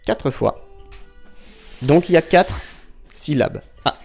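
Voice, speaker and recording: A man's voice: on the high side, expressive, slow, creaky, faint music behind. A man teaching young children from home, patiently spelling out syllables and counting down with a small child nearby.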